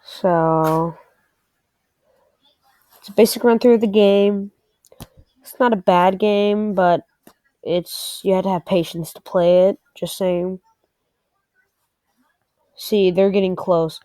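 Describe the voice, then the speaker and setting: Speaking slowly with long pauses, a woman narrates a casual game walkthrough for a tutorial, mulling things over aloud and a bit unsure. Her medium-pitched voice is mellow with fairly even intonation, captured at studio quality with no room sound.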